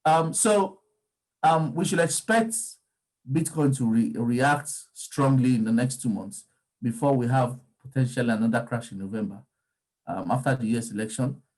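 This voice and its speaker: With a mid-range, darkish voice at a moderate pace, this Yoruba-speaking man gives a loose, wandering explanation of crypto markets. He keeps stumbling into ums and fresh starts, and the recording is rough.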